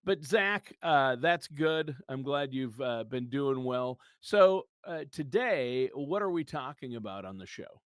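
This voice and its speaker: Brief: fifties male co-host, mid-pitched, dry close sound, chatty and jokey. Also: lively intonation, a little slow, hardly any pauses, dry recording. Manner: chatty, joking, laughs often. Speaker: podcast co-host. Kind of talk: casual podcast chat.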